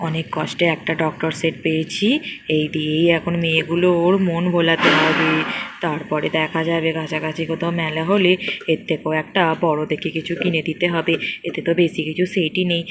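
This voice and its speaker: A woman's voice: low voice, a little fast, pitched below the performer's own voice, natural voice. A woman voicing a harried middle-aged father who grumbles and sighs in a doll-play story. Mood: weary. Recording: steady background noise.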